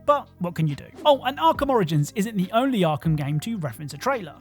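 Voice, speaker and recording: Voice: medium pitch, big pitch swings, fast, faint music behind. A host narrating a scripted video game countdown with wry, joking asides.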